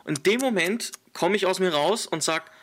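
A young adult man, a guest, telling a personal story in casual speech with animated quotes and many fillers. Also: high-pitched, normal speed.

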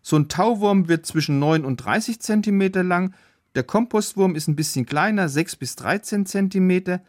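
A man as the biologist guest, calmly explaining facts in a podcast chat. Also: high-pitched, moderate pace. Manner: patient, factual explainer.

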